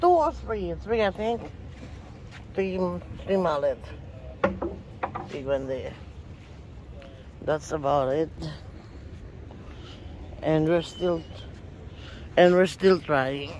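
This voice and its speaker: A woman's voice: low-pitched, expressive, background noise. A woman filming a fishing trip on a seaside pier with a phone, narrating casually and laughing often. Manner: chatty, laughs often, slow and simple phrasing. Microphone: handheld phone camera.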